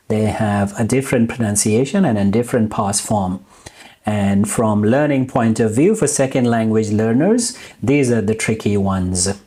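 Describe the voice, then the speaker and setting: A man's voice: mid-range voice, mellow. A man teaching a lesson, reading verb lists and repeating the forms, with rising stress on the last word of each set. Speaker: English teacher. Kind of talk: slow vocabulary lesson.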